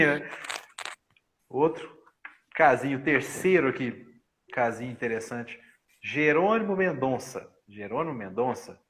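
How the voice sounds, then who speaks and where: A man's voice: medium pitch, a little hiss or hum. A Brazilian man giving a casual spiritist study talk, telling stories and acting out the people in them with laughs along the way. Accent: Brazilian Portuguese. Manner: animated storyteller who acts out quoted lines with laughs. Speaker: spiritist study group presenter.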